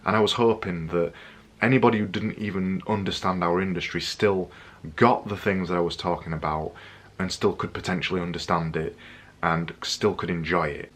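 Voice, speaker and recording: Low husky-voiced man giving chatty tips. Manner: energetic, jokey, repetitive emphasis. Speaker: vlogger giving presentation tips. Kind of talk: casual to-camera vlog.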